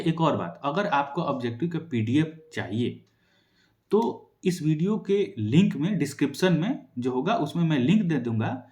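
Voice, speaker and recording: A young man teaching an exam-prep science lesson, quickly asking and answering his own questions. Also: on the high side, a little mellow, echoey room.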